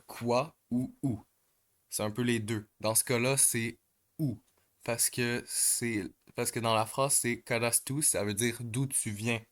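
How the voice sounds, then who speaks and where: A man calmly explains language exercises step by step, pausing often and filling gaps with hesitations. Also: mid-range voice. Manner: hesitant, many pauses and fillers.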